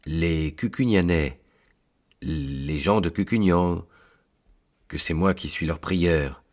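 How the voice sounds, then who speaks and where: A man's voice: sits low, slow pace, darkish tone. A man voicing an anxious village priest, pleading and exclaiming in dismay.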